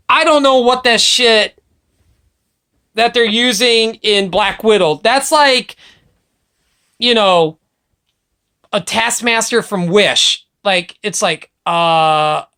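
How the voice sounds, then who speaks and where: A woman vlogging casual opinion chat, excitable and gushing, swearing casually, filmed on a webcam or phone. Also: mid-range voice.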